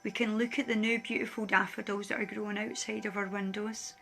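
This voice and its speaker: A woman's voice: mid-range voice, flat delivery, brisk, creaky, bright, forceful tone, soft background music. Emotional woman pleading earnestly. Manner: earnest, pleading, repeats phrases for emphasis. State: emotional, close to tears. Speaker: spiritual light worker. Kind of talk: heartfelt direct address to viewers.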